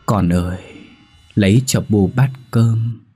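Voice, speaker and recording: A man voicing the ghost of an old mother-in-law in a horror story, speaking in a deep, hollow, strained voice. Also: slow pace, husky, heavily acted. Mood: mournful. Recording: soft background music.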